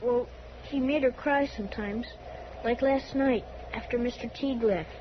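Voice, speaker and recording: In the style of a 1950s radio western, a performer plays an earnest eight-year-old farm boy speaking folksy, rustic country talk, sounding earnest and troubled. The voice is medium-pitched, close to everyday speech, at normal speed, on a muffled, faintly noisy vintage radio recording.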